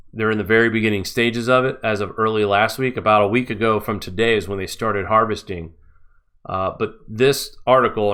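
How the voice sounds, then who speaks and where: A man's voice: fairly low pitch, fairly bright tone, clear, resonant tone. A man hosting a live-stream news show, giving mocking, sarcastic commentary.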